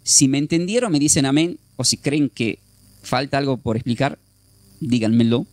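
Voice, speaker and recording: A man's voice: mid-range voice, normal speed, darkish tone, no room sound. Man teaching a Bible class, dry sound. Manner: explains step by step, often asks the class "¿sí?"; repeats and restarts while thinking aloud.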